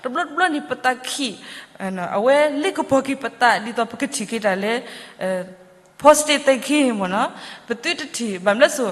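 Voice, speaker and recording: A woman giving a sermon in a church, talking loosely with many pauses and fillers. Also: a little high. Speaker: preacher. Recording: long church reverb.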